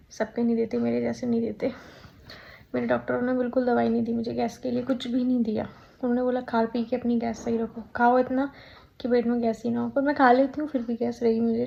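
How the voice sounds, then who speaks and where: A woman's voice: on the high side, vocal fry, darkish tone, dull audio. A young woman chatting casually at home in a vlog, rambling and correcting herself as she talks. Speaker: vlogger. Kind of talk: casual pregnancy vlog chat.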